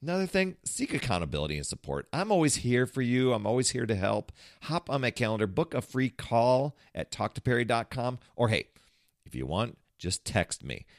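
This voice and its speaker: A man's voice: medium pitch, sing-song, normal speed, no room sound, studio quality. A man hosting a motivational fitness podcast, talking with energy and rising into salesy, upbeat sign-offs. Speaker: podcast host and fitness coach.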